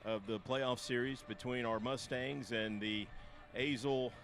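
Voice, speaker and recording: A man opening a local baseball broadcast in a relaxed, halting way with many fillers, recorded outdoors with faint traffic behind him. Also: medium pitch. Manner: relaxed, hesitant, lots of uh fillers. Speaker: play-by-play broadcaster. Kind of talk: casual broadcast chat.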